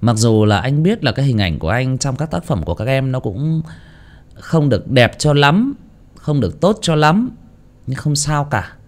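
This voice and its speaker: A man narrating a horror story in an expressive, dramatic storytelling style, then chatting jokily to listeners. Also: mid-range voice, moderate pace. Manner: expressive, lively delivery; jokey, chatty afterword. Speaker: audiobook narrator.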